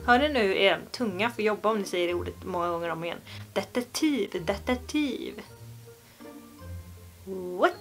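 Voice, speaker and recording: A woman's voice: medium pitch, bright, forceful tone. A young Swedish woman vlogging to camera in a playful, joking way, with exaggerated pronunciations. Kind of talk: casual vlog to camera.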